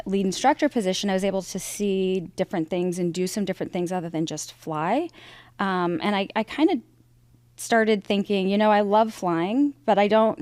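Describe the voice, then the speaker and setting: A woman's voice: mid-range voice, a little mellow, smooth, no echo. A woman in her forties, raised in Idaho, telling her career story as an interview guest in a chatty, rambling way. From Idaho, USA. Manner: chatty and storytelling, with frequent fillers and restarts. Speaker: interview guest, aircraft sales director. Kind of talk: conversational interview.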